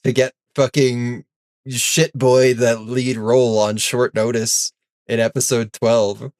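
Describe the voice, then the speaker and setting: A man's voice: mid-range voice, little pitch movement, slow, darkish tone, no room sound, studio quality. A man co-hosting a podcast in casual chat, making crude jokes and swearing freely. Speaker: podcast co-host.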